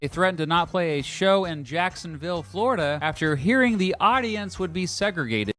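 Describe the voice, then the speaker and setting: A man's voice: high voice, expressive, brisk. A man delivering scripted documentary narration about music history, with emphatic, punchy phrase endings.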